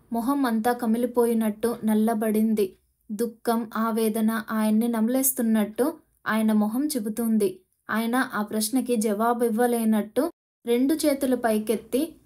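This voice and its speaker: Woman, story narrator, scripted narration, emotive steady reading, slightly high pitch.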